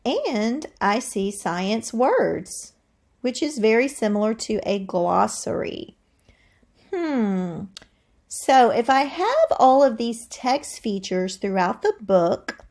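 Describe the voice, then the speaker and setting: With a fairly high pitch, a teacher reads to young children in a slow, expressive style. She reflects aloud and turns questions over to her listeners.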